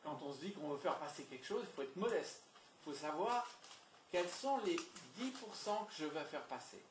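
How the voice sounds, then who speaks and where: Un homme formateur qui anime une séance sur la communication devant un public, en parlant de façon animée et insistante, avec des mots répétés. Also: male voice, fairly high pitch, normal speed, echoey room, a little hiss or hum. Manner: lively, repeats words, emphatic. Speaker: trainer. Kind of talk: communication training talk. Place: meeting room with audience.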